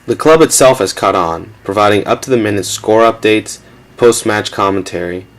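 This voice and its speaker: A man giving a measured, factual scripted narration for a documentary. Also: on the low side.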